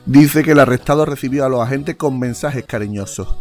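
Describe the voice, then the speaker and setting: A man, co-hosting a podcast with quick quips and explanations. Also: mid-range voice, faint music behind. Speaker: podcast co-host. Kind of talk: casual podcast banter.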